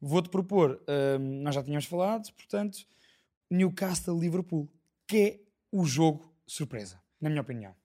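A man hosting a casual sports podcast, leading the talk in a brisk way. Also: fairly high pitch, animated, warm tone. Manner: brisk, leads the show. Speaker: podcast host.

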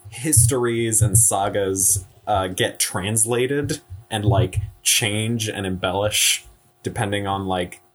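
A young man in a casual class discussion, musing slowly with many fillers. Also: on the low side. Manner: slow, searching, filler-heavy.

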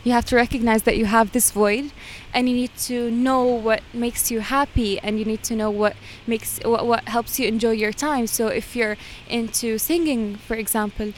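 A woman's voice: fairly high pitch, fairly even intonation, normal speed, few pauses, slight background noise. A woman guest in a casual interview, earnestly giving advice with repeated phrases.

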